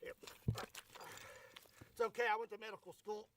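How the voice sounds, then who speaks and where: Very high-pitched man, folksy video host. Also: flat delivery, moderate pace, a little hiss or hum. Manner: folksy, joking understatement. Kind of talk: casual presenting of weapon stunt tests.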